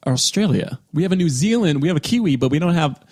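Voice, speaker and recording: A man co-hosting a casual podcast chat, upbeat and plugging shows and shout-outs. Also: on the high side, lively intonation, fast talker. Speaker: podcast co-host.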